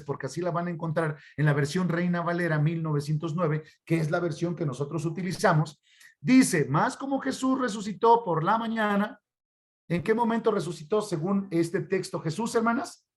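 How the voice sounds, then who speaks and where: A man with a Mexican Spanish accent leads an online Bible interpretation class, his voice sitting a bit high. He keeps calling his listeners brothers and puts questions to the class as he goes. He speaks into a computer mic on a video call. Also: moderate pace. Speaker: Bible study instructor. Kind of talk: online church workshop teaching.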